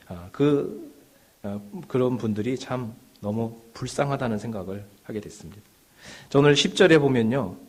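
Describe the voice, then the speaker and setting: Middle-aged guy pastor preaching, talks to the congregation casual-like, lots of "yes" fillers, asks questions back at them, voice in the middle range. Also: medium pitch. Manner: conversational preaching with frequent "네" and "예" fillers; rhetorical questions, rising and falling in loudness. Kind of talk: sermon.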